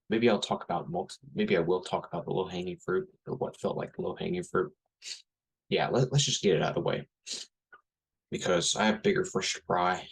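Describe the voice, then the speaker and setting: Low gravelly-voiced man rambling. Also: poor audio. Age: 30s. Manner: rambling, blunt, frequent fillers and self-corrections. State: has a headache. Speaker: podcast host. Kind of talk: casual spoken monologue.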